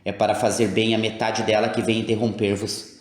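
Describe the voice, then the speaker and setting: A man's voice: on the low side, little pitch movement, fairly quick, roomy sound, lightly acted. A man reading the part of a proud, anguished queen, in grand, old-fashioned formal speech. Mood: solemn.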